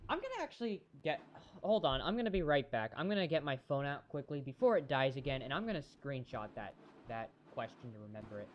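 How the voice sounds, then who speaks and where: A man's voice: medium pitch, big pitch swings, fast talker, few pauses, lo-fi sound, slight background noise. A man giving casual live-stream commentary on a race, chatty and rambling, talking to his chat viewers.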